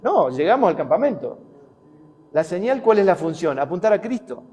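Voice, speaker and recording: A man's voice: high-pitched, very animated, normal speed, darkish tone. A man preaching a sermon with a Rioplatense accent, talking conversationally with rhetorical questions and anecdotes. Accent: Rioplatense Spanish. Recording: long hall reverb.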